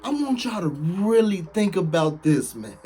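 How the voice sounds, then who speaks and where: A man's voice: high voice, unhurried, slight background noise. Slangy man telling prison stories. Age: late 30s. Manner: animated, slangy, repeats lines for emphasis. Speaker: former prisoner telling his story. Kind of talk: casual storytelling to camera.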